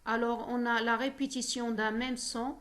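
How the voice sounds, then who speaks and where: A woman teacher explaining poetry to pupils in a slow, explanatory way, asking them questions. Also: a little high, level tone, a bit bright. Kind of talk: classroom lesson on poetry.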